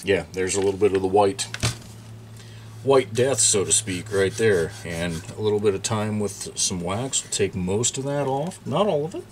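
A man's voice: on the low side, animated, normal speed, darkish tone, slight background noise. Chatty man in a repair workshop. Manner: chatty, thinking aloud while working, bursts of surprise. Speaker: chainsaw repair channel host. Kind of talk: casual workshop show-and-tell.

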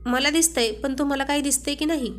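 A woman's voice: high voice, fast, a bit bright, slight background noise. A woman voicing an emotional, pleading young wife in a spoken story, close to her own voice. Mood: irritated.

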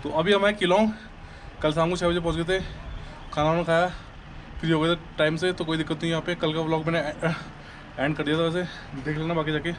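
A man's voice: on the high side, fast, a little hiss or hum. A man hosting his own motorcycle travel vlog, talking casually and asking his riding companion questions. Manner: relaxed, chatty, asks his companion questions. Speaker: travel vlogger host. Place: motorcycle road trip in the mountains.

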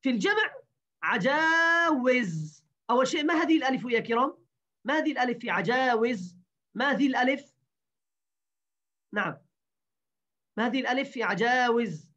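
Higher-voiced woman teaching a grammar lesson. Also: lively intonation. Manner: repeats words slowly, quizzes students. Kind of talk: grammar lesson to an online class. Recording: dull lo-fi recording.

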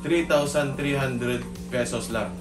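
A man's voice: mid-range voice, slow, far from the mic. A man reviewing a motorcycle helmet in a casual vlog at home, talking through a face mask in an upbeat way and often saying "ayan". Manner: upbeat, peppers talk with "ayan". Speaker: motorcycle vlogger. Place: at home indoors. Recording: roomy, from off-mic, loud music behind.

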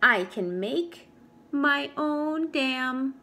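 A proud, daring beaver from a storybook, crowing about what she can do, as a woman reading aloud puts her on. The voice is bright and high. Each boast comes out slowly and loudly. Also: expressive, slight background noise, full character voice. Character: bold, proud female beaver.

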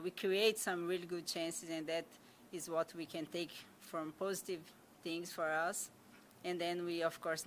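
A young woman from Brazil whose first language is Portuguese, answering questions as a soccer player at a press conference, speaking English with a Brazilian accent into a stand mic, often halting and repeating words. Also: lowish voice, slight background noise. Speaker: national team soccer player. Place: press conference room with sponsor backdrop. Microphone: stand mic in front of her.

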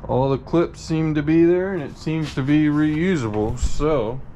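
A man vlogging as he sorts through a storage unit, talking in a folksy, unhurried way while he thinks aloud. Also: fairly high pitch, dark tone. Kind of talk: casual chest-cam vlog narration. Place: metal storage unit and gravel lot outdoors. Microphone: chest-mounted action camera. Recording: noisy outdoor action-camera audio.

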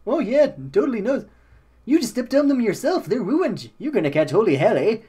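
A man's voice: very high-pitched, sing-song, a little fast, warm tone, breathy edge, heavily acted. A man voicing a goofy male guard in a put-on Canadian accent for a game playthrough. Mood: teasing. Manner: giggly, ends lines with "eh".

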